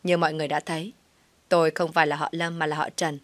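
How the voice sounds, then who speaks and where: Woman voicing a curt, mocking young man, lowish and dry. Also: little pitch movement, quick pace, no echo, natural voice. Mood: triumphant. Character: cold dismissive young man, scornful and sharp.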